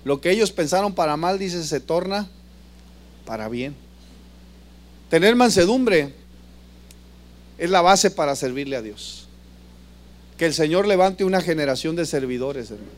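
A man preaching as pastor questions his congregation, swinging between loud stretches and soft ones. His voice is a little high with lively intonation, and he speaks unhurriedly, pausing often.

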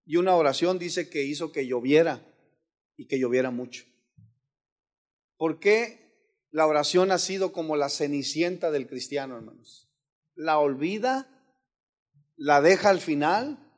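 A man preaching a sermon as pastor, swinging between rising shouts and sudden hushed asides. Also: on the high side, animated, measured pace, long pauses.

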